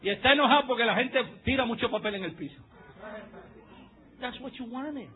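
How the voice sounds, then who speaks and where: High voiced pastor guy preaching hard and teasing the crowd, muffled church recording, faint congregation behind. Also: moderate pace. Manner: fiery, mocking preaching that rises to shouts. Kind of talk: sermon. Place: church service.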